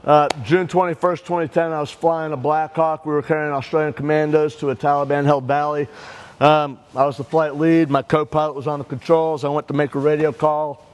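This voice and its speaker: A middle-aged man, an event organizer, giving steady announcements and telling a story to a group. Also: a little high, fairly quick. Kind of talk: addressing a group.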